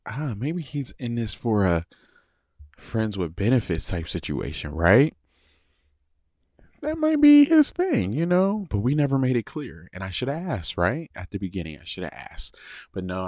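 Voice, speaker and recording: Deep-voiced man telling a frank story. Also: dry recording, studio quality. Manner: frank, animated, swears casually. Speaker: podcast host. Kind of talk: candid personal storytelling monologue.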